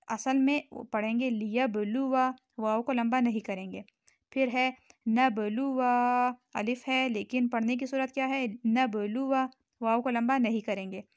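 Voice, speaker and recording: A woman with a Pakistani Urdu accent teaching Quran recitation rules, patiently repeating each word slowly and checking in with her listeners. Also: on the high side, no room sound. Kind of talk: tajweed lesson explanation.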